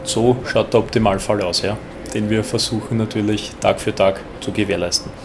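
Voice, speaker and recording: A man with an Austrian accent giving measured, explanatory interview answers as a ground handling manager. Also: lowish voice, steady tone, background noise.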